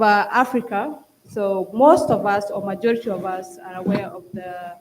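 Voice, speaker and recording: A young woman from South Sudan asks a question from the audience at a public forum. She hesitates often, restarting phrases and filling pauses. Her voice sits at a middle pitch, with faint noise behind her. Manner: hesitant, many fillers and restarts. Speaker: student asking a question.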